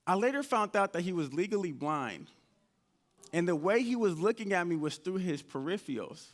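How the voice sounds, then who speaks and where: High-voiced man telling stories on stage. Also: normal speed. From United States (Indianapolis). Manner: animated storyteller, acts out his own past dialogue. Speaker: motivational speaker. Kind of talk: live motivational storytelling talk. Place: event stage before an audience.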